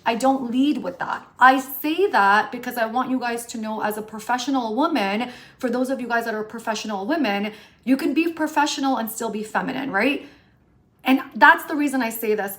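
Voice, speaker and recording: A woman in her late thirties, a relationship coach, talking to her viewers in an animated, chatty way and often asking "right?". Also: fairly high pitch. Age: 30s. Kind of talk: casual chat to camera.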